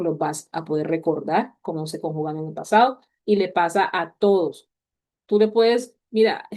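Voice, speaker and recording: A woman's voice: mid-range voice, dark tone. A woman teaching a class on English grammar, explaining step by step and mixing English words into her speech. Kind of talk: online class walkthrough.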